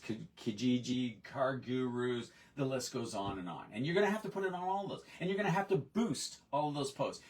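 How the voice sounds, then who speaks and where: A man's voice: on the high side, distant mic, poor audio. A man giving a sales training talk, telling stories and acting out what customers and trainees said. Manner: animated storyteller, acts out customer and trainee quotes.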